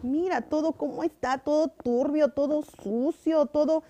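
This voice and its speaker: A woman giving an animated object lesson to children, often asking them questions. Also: high voice, measured pace. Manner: animated, sing-song, asks kids questions. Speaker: children's church teacher.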